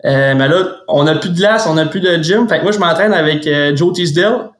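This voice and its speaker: A young man with a Quebec French accent, a hockey player guest answering casually in a relaxed, modest way. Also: on the high side, a little fast, echoey room. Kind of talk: casual interview.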